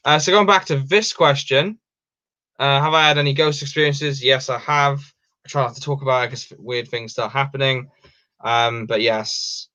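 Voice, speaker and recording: Over dull, lo-fi stream audio, a young Welsh man with a mid-range, sharp-toned voice reads out questions from viewers. He answers loosely and rambles, with lots of ums and false starts, while hosting this casual livestream.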